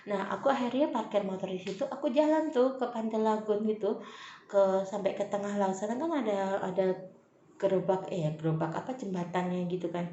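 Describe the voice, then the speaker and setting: A woman's voice: medium pitch, warm tone, a little hiss or hum. A young woman, casually telling viewers a personal story, often calling them guys. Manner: chatty, addresses viewers as guys, emotional retelling. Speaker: vlogger. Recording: echoey room, slightly dull sound.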